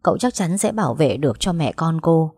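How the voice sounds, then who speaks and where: Woman narrator for audiobook drama: low, mellow, dry close mic. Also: very animated, brisk, husky, no echo. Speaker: storyteller.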